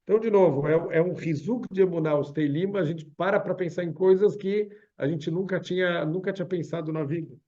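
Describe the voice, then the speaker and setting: A man's voice: sits high, brisk, few pauses. A man, a rabbi giving a religious lesson on Psalms over a video call, who tells parables and acts them out. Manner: storytelling, acts out parables with lively voices. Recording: dull lo-fi video call audio.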